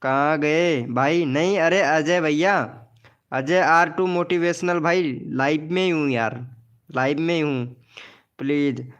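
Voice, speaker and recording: A man's voice: a little high, takes it slowly, fairly bright tone, clear, resonant tone, dull audio. A man hosting a casual live stream who promotes viewers' channels, teases them jokingly and calls each of them by name.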